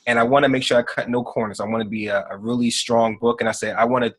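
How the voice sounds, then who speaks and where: A man in his thirties, a podcast guest and author, telling a story earnestly in a conversational interview, often trailing off softly. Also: medium pitch, steady tone, fast talker. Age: 30s.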